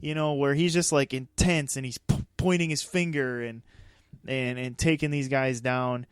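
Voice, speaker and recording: A man's voice: mid-range voice, fairly even intonation, moderate pace, clean tone, dry recording, studio quality. A man co-hosting a movie podcast, chatting casually and animatedly, often laughing as he talks. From Dakotas, United States. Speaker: podcast co-host. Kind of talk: casual chat.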